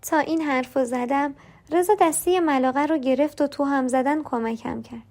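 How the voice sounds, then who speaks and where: High-voiced woman telling a personal story. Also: a little mellow. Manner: confiding, voices other characters in dialogue. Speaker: narrator.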